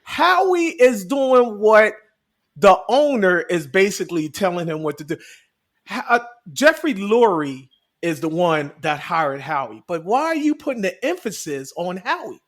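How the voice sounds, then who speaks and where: A man's voice: high voice, very animated, a little slow. A man co-hosting a sports podcast, arguing animatedly and repeating himself as he talks over the others. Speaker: podcast co-host. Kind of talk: casual sports debate.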